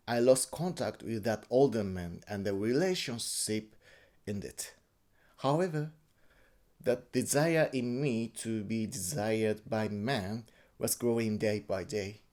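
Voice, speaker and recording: A man from Japan with a Japanese accent gives a personal account in halting English, often repeating and correcting words. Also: on the low side, expressive, a little mellow. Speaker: interviewee.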